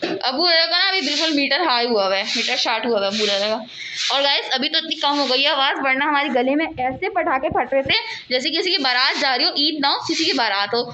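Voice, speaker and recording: A woman vlogging casually at home, chatting and rambling to her viewers and talking loudly over household noise. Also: high-pitched, fairly quick. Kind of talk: casual home vlog chat. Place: at home, cooking and sweeping nearby.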